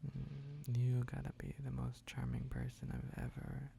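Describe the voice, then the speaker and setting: A man playing a tender, teasing, sleepy boyfriend in an ASMR role-play, murmuring drowsily in a husky, breathy voice with soft hums and sighs. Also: mid-range voice, completely flat delivery, measured pace. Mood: sleepy, adoring. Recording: faint background noise of rain.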